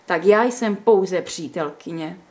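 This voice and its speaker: A woman reading a story aloud, voicing an excitable, easily offended young woman in a high, indignant voice. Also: close to an everyday voice. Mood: excited, prim. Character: lively, touchy young woman playing a game.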